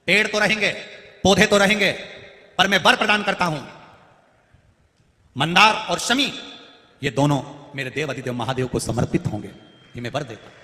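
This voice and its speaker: A man's voice: mid-range voice, very animated, a little fast, sharp tone. A man voicing a gracious god giving boons, with a hall echo. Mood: solemn. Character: solemn, gracious male elephant-headed deity granting boons. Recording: long hall reverb.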